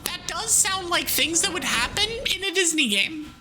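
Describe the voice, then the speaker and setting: A woman's voice: very high voice, expressive, moderate pace, music in the background. A woman livestreaming a game and chatting to viewers in a cute, bubbly anime-streamer manner, playful and mock-bossy. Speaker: streamer, VTuber.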